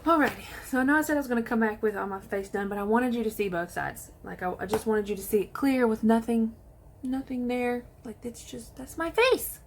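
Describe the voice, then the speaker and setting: A woman chatting excitedly to viewers while she does her makeup in a casual tutorial. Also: a little high, a little fast, hardly any pauses, a little hiss or hum. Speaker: beauty vlogger.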